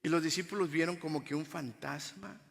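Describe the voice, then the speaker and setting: A male pastor preaching a sermon in a dramatic style, moving from loud exclamations to hushed, low passages, recorded in a church sanctuary. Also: brisk, gravelly. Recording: long hall reverb from the church.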